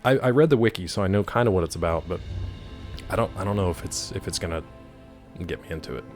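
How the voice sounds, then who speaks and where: Animated low-voiced man streaming a game. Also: fast talker, faint music behind. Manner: rambling, jokey, playful. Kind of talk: casual gameplay commentary, chatting with viewers.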